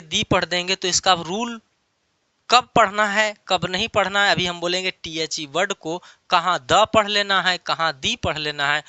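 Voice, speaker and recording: A man's voice: sits high, sharp tone, dry recording. A man teaching an online English lesson, explaining patiently and repeating key phrases many times over.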